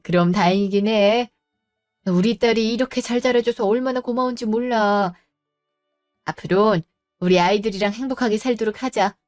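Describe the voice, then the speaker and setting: A woman's voice: medium pitch, moderate pace, a little mellow, soft background music, close to an everyday voice. A woman voicing a fond older mother who fusses tenderly over her grown daughter, in a storybook drama. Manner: fussing, tender.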